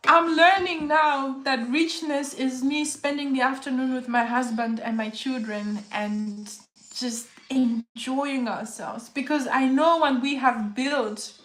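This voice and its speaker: High-voiced woman in an echoey room. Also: steady tone, slow, a bit bright. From Zimbabwe. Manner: reflective, earnest, laughs often. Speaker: podcast co-host. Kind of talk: casual conversational podcast.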